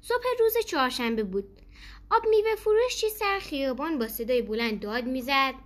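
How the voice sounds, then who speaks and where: A woman hosting a children's story podcast, reading a bedtime story gently and expressively. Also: sits high, animated.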